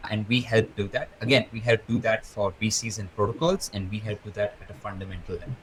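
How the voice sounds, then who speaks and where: Guy on a podcast walking through data stuff step by step, lowish voice, bit of hiss behind. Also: fairly even intonation, fast talker, fairly bright tone, poor audio. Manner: fluent, methodical, rattles off lists. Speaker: guest, crypto research lead. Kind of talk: explanatory interview talk.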